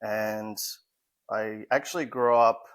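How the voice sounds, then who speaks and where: A man's voice: fairly low pitch, steady tone, takes it slowly, fairly bright tone. A man in his forties with an Australian accent, a modest interview guest who explains things plainly with some hesitant restarts. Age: 40s. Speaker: guest, fire safety specialist. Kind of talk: casual interview chat.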